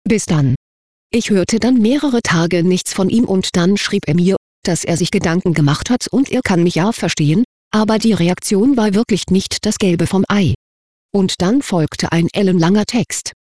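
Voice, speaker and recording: A reader giving a scripted first-person narration of a confession in an even, matter-of-fact way. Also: medium pitch, normal speed, no room sound, studio quality.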